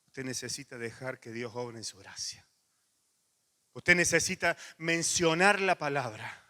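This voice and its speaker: Bright-voiced Rioplatense pastor preaching. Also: male voice, mid-range voice, unhurried. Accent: Rioplatense Spanish. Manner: animated storytelling with laughs, then quiet intimate pleading. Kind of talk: sermon.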